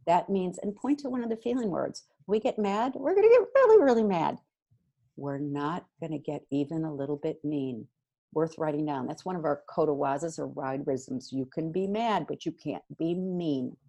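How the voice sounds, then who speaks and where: Gravelly, husky woman giving lively advice. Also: low-pitched, moderate pace. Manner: animated, acts out quoted dialogue. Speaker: parenting guest expert. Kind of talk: casual advice chat.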